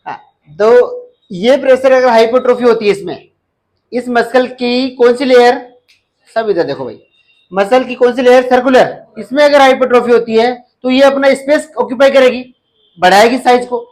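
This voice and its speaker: A nursing exam teacher with a very high-pitched, slightly mellow voice speaks at normal speed in a live class. He lectures, repeatedly quizzes the students, and keeps repeating key terms. The audio quality is poor.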